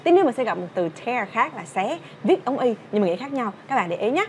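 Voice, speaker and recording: A woman's voice: fairly high pitch, very animated, fast, darkish tone, a little hiss or hum. A young woman with a Vietnamese accent teaching English through a song, explaining words and drilling pronunciation.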